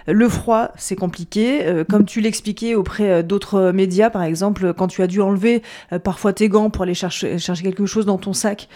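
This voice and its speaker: A woman hosting a TV interview, asking questions in a measured way with occasional fillers. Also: medium pitch, steady tone, mellow. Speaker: interviewer, TV host. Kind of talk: interview questions, scripted introduction.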